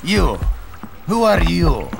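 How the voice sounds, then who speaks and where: An actor playing a menacing, curt military officer with a gravelly voice in a video game. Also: male voice, high voice, big pitch swings, takes it slowly, over music, full character voice. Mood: stern. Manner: curt, commanding, threatening. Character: menacing foreign military officer demanding a weapon key. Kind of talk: video game cutscene acting.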